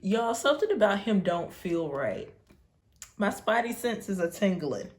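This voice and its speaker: A woman's voice: mid-range voice, animated, unhurried, darkish tone. A woman with an American accent giving colloquial, casual reaction commentary as she talks back to the screen. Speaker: reaction show host.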